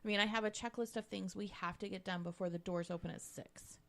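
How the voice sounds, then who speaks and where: Chatty woman co-host, mid-pitched voice. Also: steady tone, fast, vocal fry, fairly bright tone. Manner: chatty, self-deprecating, interjects often. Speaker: podcast co-host. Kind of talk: casual chat.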